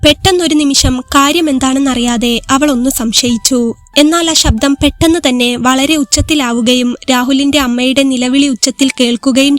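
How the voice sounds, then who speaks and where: A woman reading a scripted story aloud in a steady, even manner. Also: high-pitched.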